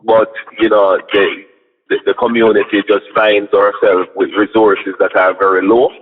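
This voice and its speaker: A man with a Jamaican accent speaking in Rasta manner, reasoning reflectively and with measured pauses in an interview. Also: lowish voice, little pitch movement, narrow, tinny audio. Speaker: interview guest, Rastafari community member. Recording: band-limited radio-like sound with long reverb.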